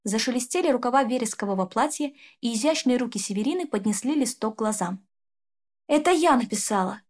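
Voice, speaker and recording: A woman narrates a fairy tale for an audiobook. Her voice sits fairly high and she reads in a measured, expressive way. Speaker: audiobook reader. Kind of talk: storybook narration.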